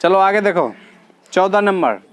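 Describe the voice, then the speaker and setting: Slow-talking teacher. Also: male voice, sits high, expressive. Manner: slow, patient, addresses students directly, repeats answers. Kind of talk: classroom lesson explaining reasoning questions. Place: classroom with students.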